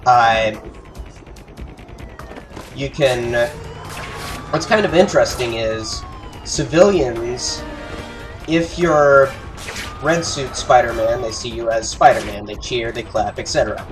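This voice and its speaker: A man's voice: mid-range voice, slow, long pauses, recorded from a distance, over music. A man giving casual let's play commentary, rambling and self-deprecating, full of fillers.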